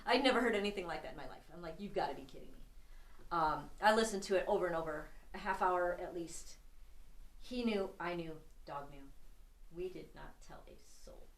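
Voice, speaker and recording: A middle-aged woman leads a tour group, chatting and laughing at herself as she tells stories. Her voice sits on the low side and carries through a big, echoey empty room. She is heard from some distance off, with no microphone close by. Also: fairly quick. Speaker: tour guide and building owner. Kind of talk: casual storytelling to a tour group. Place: large old empty building indoors. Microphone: no mic, heard from a distance.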